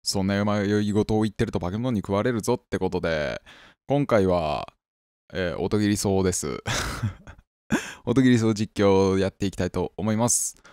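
A man making casual, wry, bemused comments while playing a game, with loud game music behind. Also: on the low side, normal speed, no room sound, studio quality. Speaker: let's play host.

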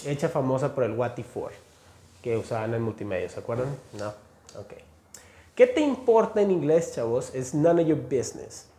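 A man's voice: mid-range voice, moderate pace, mellow, echoey room. A Mexican man, a native Spanish speaker, teaching English phrases in a casual, slangy video lesson, calling out to viewers as he reads examples off a screen. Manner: slangy, addresses viewers as "chavos" and "señores".

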